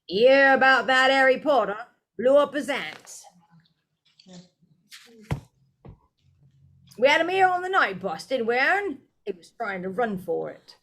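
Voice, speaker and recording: Stan Shunpike, a woman doing a loud gossipy young bus conductor. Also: high voice, lively intonation, normal speed, voice pushed up, full character voice. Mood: gleeful. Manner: loud chattering gossip, dramatic.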